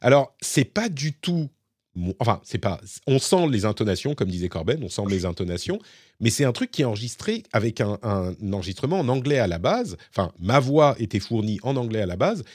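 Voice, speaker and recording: A man's voice: medium pitch, big pitch swings, a little fast, a little mellow, breathy edge, no room sound, clean studio sound. A man hosting a casual tech podcast, chatty and explaining demos to listeners. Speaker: podcast host.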